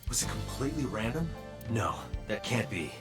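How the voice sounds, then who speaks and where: A man's voice: on the low side, big pitch swings, normal speed, music in the background. An actor playing an intense, rattled male detective in a video game, terse and brooding in delivery. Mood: brooding, frustrated.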